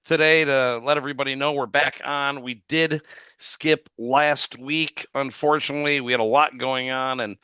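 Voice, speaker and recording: A man with a raspy voice hosting a weekly video-call livestream, opening the show in a casual, chatty way. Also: medium pitch, steady tone, moderate pace, sharp tone, no echo, highs cut off. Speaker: livestream host.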